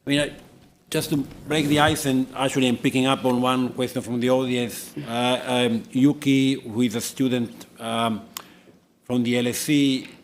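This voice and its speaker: A man moderates a lecture's question session in a lecture hall. He speaks in a measured, hesitant way, and a faint ambient hum sits behind his voice. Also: medium pitch, flat delivery. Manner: measured, halting with many fillers. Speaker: event chair, moderator.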